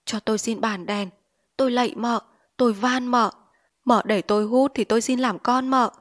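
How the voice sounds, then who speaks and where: A woman's voice: on the high side, fairly quick, lightly acted. A woman reading an audiobook, voicing a desperate male opium addict in withdrawal who whines and begs. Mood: begging. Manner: whining, pleading, frantic.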